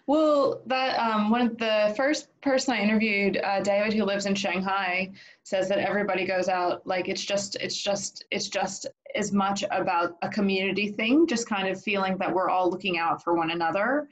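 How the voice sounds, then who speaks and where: Young woman, average pitch, casual interviewer, conversational, home video call. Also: normal speed, hardly any pauses, rough recording. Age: young adult. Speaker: interviewer, host.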